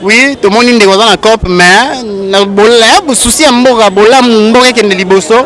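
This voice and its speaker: A male reporter running a brisk street interview outdoors in a city. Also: sits high, a bit bright.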